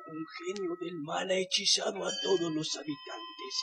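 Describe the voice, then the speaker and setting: An actor playing a frail, wise old Chinese helper in a children's audio fairy tale, speaking solemnly. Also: male voice, sits high, steady tone, moderate pace, creaky, music in the background. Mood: solemn, helpful. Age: older. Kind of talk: children's audio adventure acting.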